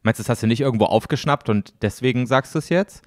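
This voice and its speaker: A man's voice: mid-range voice, quick pace, no echo, clean studio sound. A young man co-hosting a casual podcast, joking and teasing his co-host in a playful way. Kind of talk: casual chat.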